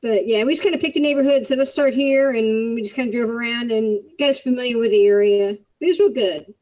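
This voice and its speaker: A woman giving a relaxed update on a casual video call, telling it in an easygoing way. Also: fairly high pitch, quick pace, poor audio. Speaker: meeting participant.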